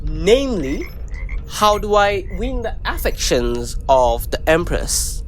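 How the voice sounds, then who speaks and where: A man's voice: high-pitched, very animated, takes it slowly, heavily acted. A pompous, lovesick space captain, taking his time over every grand order. It is sitcom audio drama acting, with faint noise behind. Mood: pompous, commanding. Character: self-important, lovesick starship captain. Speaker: ship captain.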